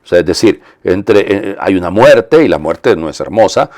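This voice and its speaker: A priest preaching a homily in a low, deep voice. He explains things conversationally, pausing on fillers and checking in with his listeners, and he lifts his voice to stress key words. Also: expressive, darkish tone. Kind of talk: weekday homily.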